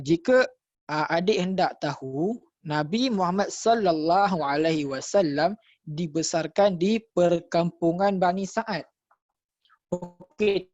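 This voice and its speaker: A man's voice: sits high, darkish tone, no echo. Malaysian man teaching an online class. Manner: patient, repeats key points and quizzes pupils. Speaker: religious teacher. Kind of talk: online class lesson for children. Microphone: computer or phone mic on a video call. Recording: dull, dry lo-fi online class recording.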